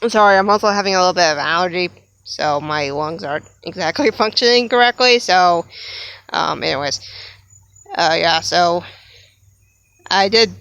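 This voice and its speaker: A woman's voice: lowish voice, moderate pace, long pauses, a bit bright, clean tone, no echo, lo-fi sound. A young adult woman talking casually in a rambling vlog monologue, laughing often and breaking off to apologize. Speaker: vlogger.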